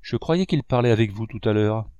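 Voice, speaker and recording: A man's voice: lowish voice, lively intonation, fairly quick, dark tone, clean tone, no room sound, lo-fi sound, close to an everyday voice. A man reading a bustling, motherly old woman servant in an audiobook, chatty and kindly scolding. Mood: fussing.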